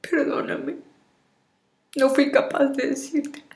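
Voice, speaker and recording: An actress in her thirties playing a sorrowful woman in a dramatic farewell monologue to her lover, tearful and halting, often breaking into whispers. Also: high voice, level tone, gravelly, a little mellow, heavily acted. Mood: tearful grief. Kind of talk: dramatic monologue, acted farewell video message. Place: small bare indoor room. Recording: roomy echo of a bare room.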